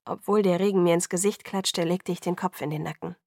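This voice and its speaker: A woman narrating an audiobook in first person, calm and measured, close to the mic. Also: on the low side, gravelly, no echo.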